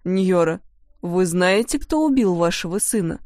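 A woman's voice: on the low side, animated, measured pace, darkish tone, no room sound, studio quality. A woman reading a stern probing investigator. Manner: insistent, questioning.

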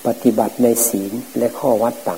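A middle-aged man, a Buddhist forest monk, giving a calm, plain-spoken dharma talk. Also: moderate pace. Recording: hissy, noisy old recording.

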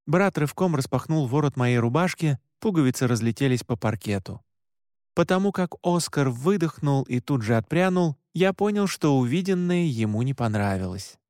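A man's voice: medium pitch, lively intonation, moderate pace, a little mellow, dry recording. A man reading a first-person novel aloud in a tense, emotive voice on a close studio mic. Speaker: audiobook reader. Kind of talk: first-person audiobook narration.

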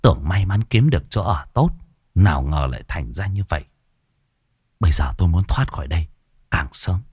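A man narrates a ghost story in the first person, reading with dramatic expression. His voice is on the lower side, husky, and swings widely in pitch. It sounds dry and close with no room around it. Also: darkish tone, no echo.

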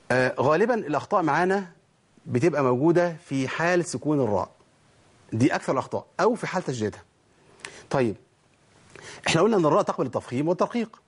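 A man's voice: mid-range voice, slightly rough. A man with an Egyptian accent teaching Quran recitation rules, who poses questions to himself and then answers them. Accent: Egyptian Arabic. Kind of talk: spoken tajweed lesson.

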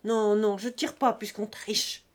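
A woman voicing a furious, jealous young male peasant who shouts and rants. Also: medium pitch, fairly even intonation, slow pace, close to an everyday voice. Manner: shouting, ranting.

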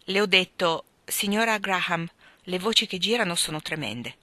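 A woman's voice: on the low side, lively intonation, normal speed, bright, forceful tone, no room sound. A woman reading the part of a stern, reproachful elderly male reverend in an audiobook. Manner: grave, reproachful, ironic.

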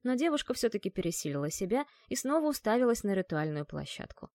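A woman narrating a fantasy audiobook in a measured, expressive reading. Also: mid-range voice, no echo. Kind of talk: scripted narration.

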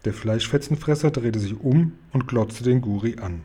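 A man reading a children's storybook aloud, lively and stretching key phrases for effect. His voice is husky and dark, of middle pitch. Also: normal speed. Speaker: reader.

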